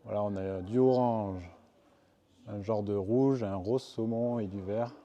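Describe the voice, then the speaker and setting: Man vlogger, French speaker, low warm voice, casual and upbeat to camera. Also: measured pace, lo-fi sound. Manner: chatty and upbeat, thinking aloud. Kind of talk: casual travel vlog. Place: outdoors in a small town, street and terrace.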